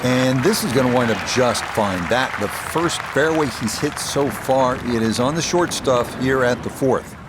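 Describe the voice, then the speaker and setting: A man doing measured television-style golf commentary for a video game, with outdoor crowd ambience behind him. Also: medium pitch, heavy background noise, lightly acted. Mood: measured, approving.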